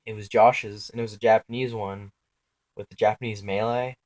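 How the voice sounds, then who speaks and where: A young man with a somewhat low voice talks through his dreams in a loose, unscripted ramble. He keeps stopping to correct himself, fills the gaps with filler words and swears freely. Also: flat delivery, moderate pace, a little mellow. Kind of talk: casual spoken dream recounting.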